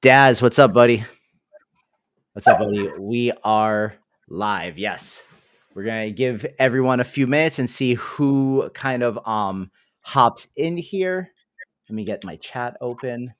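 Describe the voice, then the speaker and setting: A young man hosts a casual livestream, upbeat and chatty, greeting chat and using lots of fillers. His voice is medium-pitched and slow, with no echo.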